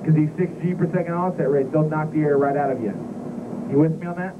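A man working as a military-style training instructor, coaching with clipped commands and counts during high g-force training. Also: steady tone, quick pace. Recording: tinny phone-like intercom with machine noise.

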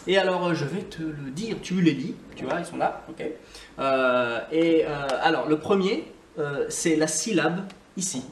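A man giving a casual video lesson as an English teacher, hesitant with many fillers and slowly repeated words. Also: fairly high pitch, recorded from a distance. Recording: roomy echo, voice off-mic, faint noise.

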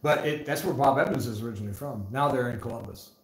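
A man's voice: mid-range voice, quick pace, reverberant, rough recording. A man with a northeast Ohio accent hosting a casual livestream, joking around and reading viewer comments aloud in a folksy way. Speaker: livestream host.

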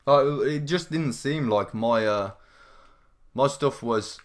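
A man hosting a gaming livestream, giving casual running commentary in an excitable way, often repeating his phrases and exclaiming. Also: medium pitch, slow. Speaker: livestream gamer, host. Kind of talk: live gameplay commentary, casual.

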